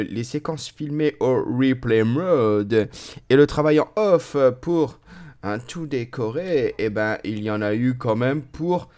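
This is a man talking through his own gameplay in a relaxed, chatty way. He fills pauses freely, and his voice jumps up and drops down in pitch and loudness as he goes. His pitch sits in the middle range for a man. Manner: chatty, playful, with many fillers and swings in pitch and loudness. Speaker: let's play host. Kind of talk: casual gameplay commentary.

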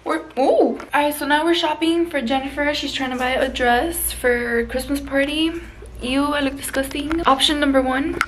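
A woman's voice: high-pitched, normal speed, a little hiss or hum, poor audio. A young woman vlogging in a casual, giggly, slangy way, filming herself with a handheld camera in a car and at a mall. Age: young adult. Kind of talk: casual vlog chat. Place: car, mall and arcade at night.

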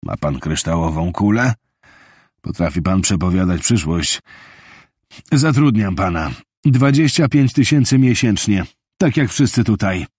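A man's voice: low voice, expressive, measured pace, a little mellow, breathy edge, no echo, studio quality, full character voice. A male audiobook narrator voicing a tense, wealthy former soldier with clipped, strained replies. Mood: terse. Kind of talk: audiobook character reading.

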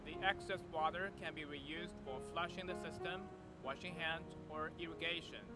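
A man's voice: a little high, normal speed. Young man, rehearsed outdoor explainer. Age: young adult. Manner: steady, rehearsed delivery. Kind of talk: scripted explanation to camera. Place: outdoors on a campus. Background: loud music.

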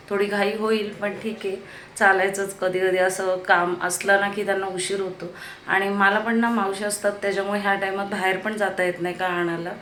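A chatty woman in her thirties from Maharashtra talks casually to her viewers from a home kitchen. Her speech is mid-pitched and full of hesitant little fillers. Faint household noise sits behind her. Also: a bit bright. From Maharashtra, India. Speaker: vlogger. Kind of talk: casual daily vlog talk to camera.

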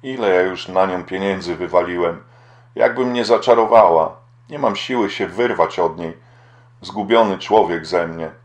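A man reading the part of an older workman who laments, ashamed and lovesick, in a low voice. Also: normal speed, lightly acted. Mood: lamenting. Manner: lamenting, self-reproaching.

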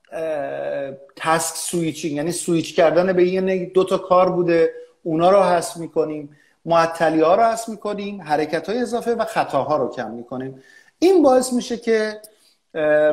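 A man with a notably high voice explains business analysis as an expert guest in an interview. He talks in a lecturing way and often pauses on hesitant fillers. His voice rings around an echoey room.

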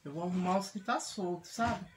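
In a small room at home, a Brazilian mother in middle age talks a little fast in a lowish voice while doing housework for her vlog. Her chat is casual, rambling and repetitive, frequently capped with a tag checking on the listener, over clear household noise and handling clicks.

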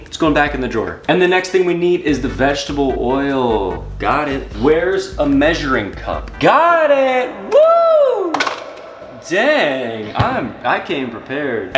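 Young guy cooking on camera, jokey and cursing, bouncy pitch, roomy kitchen w music under it. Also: a bit bright. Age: young adult. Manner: joking, swearing, talks to viewers. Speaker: vlogger. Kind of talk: casual cooking vlog. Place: home kitchen, indoors. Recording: echoey kitchen with background music.

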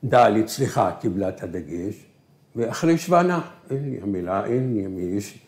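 A male teacher whose first language is Arabic gives a recorded grammar lesson. He asks questions and answers them himself, slowing down on key words. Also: lowish voice, sing-song, darkish tone. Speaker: Hebrew teacher. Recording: echoey room.

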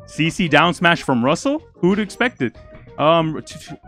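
A young man giving live, excitable commentary on a fighting game match, out of breath and stumbling over his words. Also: fairly high pitch, a little slow, soft background music. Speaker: esports commentator.

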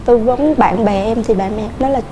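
A woman with a Southern Vietnamese accent, a guest on a TV couples show, telling her family story quickly and earnestly in a studio. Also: a little high, warm tone, a little hiss or hum. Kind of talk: emotional personal storytelling.

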